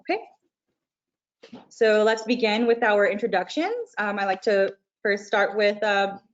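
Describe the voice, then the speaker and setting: A woman's voice: mid-range voice, measured pace. A woman moderating an online forum, talking casually with lots of ums. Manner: casual, filler-heavy, friendly. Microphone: video call. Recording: dull lo-fi video call audio.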